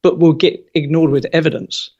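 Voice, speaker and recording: Lively opinionated man on a muffled line. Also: fairly high pitch, moderate pace. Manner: lively, opinionated, colorful comparisons. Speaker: guest. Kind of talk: casual interview conversation.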